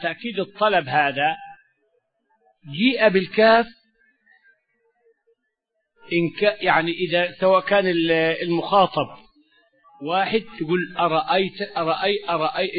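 A man giving a religious lesson, measured and explanatory, often repeating key words. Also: high voice. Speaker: Quran teacher. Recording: dull lo-fi recording with faint music.

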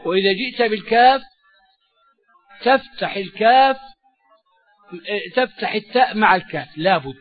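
A man giving a religious lesson, measured and explanatory, often repeating key words. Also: high-pitched, lively intonation. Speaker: Quran teacher. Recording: dull lo-fi recording with faint music.

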